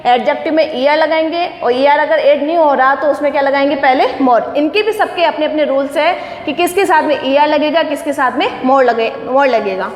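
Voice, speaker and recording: A woman's voice: sits high, normal speed, few pauses. A woman teaching an English grammar lesson, asking questions and answering them herself. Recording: echoey room with faint ambience.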